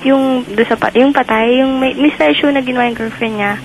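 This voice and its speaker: A woman's voice: sits high, steady tone, a little fast, a little hiss or hum, rough recording. Young woman caller telling a story. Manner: rambling storytelling with many fillers. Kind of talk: call-in radio chat.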